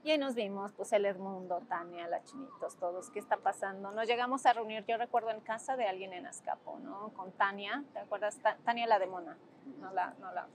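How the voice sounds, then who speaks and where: Speaking a little fast in a mid-range voice, a Mexican-accented woman in her forties looks back on past events as a documentary interviewee. Once a student activist, she's reflective and emotional and tends to close phrases with tag questions. A little hiss or hum is audible.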